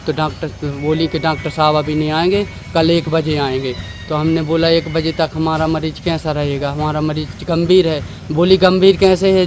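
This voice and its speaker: A grieving man tells his story in a hurried, repetitive way, full of respectful "sir"s. His voice sits somewhat high. The noisy outdoor recording has traffic and street sound underneath. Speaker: bereaved son of the patient. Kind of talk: distressed eyewitness account to a reporter.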